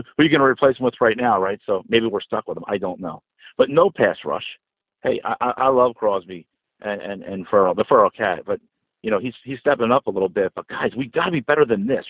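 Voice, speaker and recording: A man's voice: on the low side, slightly rough. An American man phoning in from inside a car with rain falling on it, talking emphatically and conversationally as a fan caller. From New Jersey, United States. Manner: conversational, emphatic, addressing listeners directly. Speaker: podcast caller. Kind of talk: fan voicemail commentary on football. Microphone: phone call. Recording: roomy, narrow phone-line sound.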